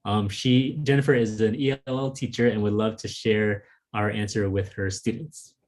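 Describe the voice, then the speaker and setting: The interviewer, a fellow author whose first language is Vietnamese, has a lowish, slightly mellow voice with fairly even intonation and a moderate pace. He chats casually over a video call, pausing thoughtfully with frequent "like" and "um."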